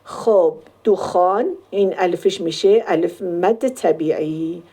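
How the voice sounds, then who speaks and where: A woman with a mellow, dark voice teaches a Quran recitation lesson. She explains each point step by step. She draws out the sample words slowly to show how long each sound is held. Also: on the low side, breathy edge.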